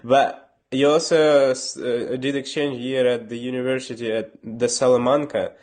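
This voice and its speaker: A man's voice: mid-range voice, steady tone, normal speed, a little mellow. Man asking interview questions. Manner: brief backchannels, hesitant questions.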